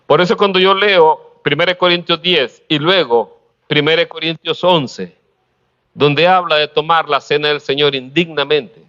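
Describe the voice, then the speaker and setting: A man preaching a sermon, pausing often and asking rhetorical questions with a light laugh now and then. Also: fairly high pitch, pushed and bright, clear, resonant tone, muffled recording. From Honduras.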